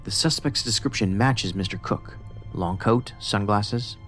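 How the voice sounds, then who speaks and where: A male actor with a lowish, fairly bright voice and an unhurried pace portrays a socially awkward, pedantic federal investigator in a sci-fi audio drama. His delivery is precise, formal and detached, musing in a matter-of-fact way, over background music.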